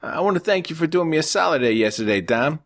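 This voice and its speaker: High brash young mobster guy, pushy and crude, read by a man. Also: lively intonation, a bit bright. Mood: earnest. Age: 20s. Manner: crude, pushy, fast-talking. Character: brash foul-mouthed young mobster brother.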